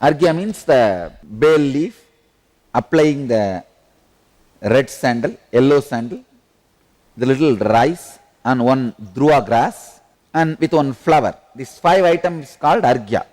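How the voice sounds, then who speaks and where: A South Indian man, a spiritual teacher, telling a personal story in a discourse, laughing now and then and phrasing slowly. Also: medium pitch, expressive, darkish tone. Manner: laughs while telling stories, slow deliberate phrasing.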